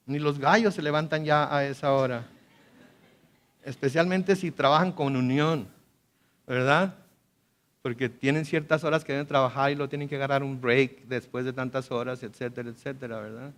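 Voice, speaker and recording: A male pastor preaching a conversational sermon with animated asides and frequent restarts. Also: medium pitch, normal speed. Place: school auditorium.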